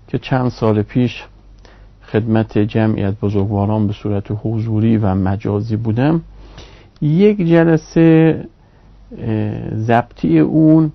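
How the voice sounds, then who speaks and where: Gravelly man teaching a grammar lesson. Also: fairly low pitch, lo-fi sound. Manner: measured, explanatory, with pauses and fillers. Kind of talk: recorded online lesson.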